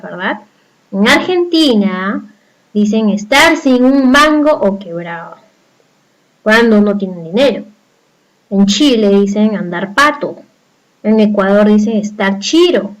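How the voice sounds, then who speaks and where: A Peruvian woman with a Peruvian Spanish accent and a fairly high voice teaches a recorded class, explaining step by step. She frequently poses rhetorical questions to the students, and the recording sounds rough.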